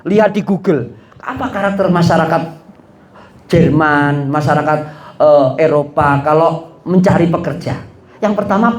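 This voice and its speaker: A man preaching a religious study talk who poses questions to his audience and answers them himself, with joking asides. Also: sits high. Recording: echoey room.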